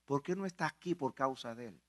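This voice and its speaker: A male preacher voicing the devil as a grim, defeated ruler of hell who speaks in a hushed voice. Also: mid-range voice, lively intonation, brisk, very noisy, pitched below the performer's own voice, close to an everyday voice.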